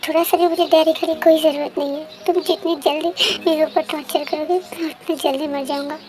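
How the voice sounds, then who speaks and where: A woman voicing a feverish young woman who bitterly accuses her partner, sarcastic and often quiet. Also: very high voice, little pitch movement, a little fast, slight background noise. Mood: bitter, accusing.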